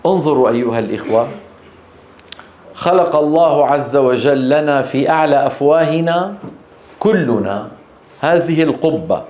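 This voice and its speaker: A man teaching Quran recitation in a classroom lecture, drawing out letter sounds slowly to demonstrate them and often checking that his students follow. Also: fairly high pitch, lively intonation, darkish tone. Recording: echoey room.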